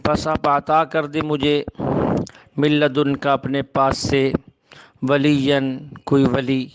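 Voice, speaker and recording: A man teaching a Quran translation lesson, reciting each phrase slowly, then explaining its meaning in plain speech. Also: medium pitch, completely flat delivery, clean tone. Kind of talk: word-by-word scripture translation lesson.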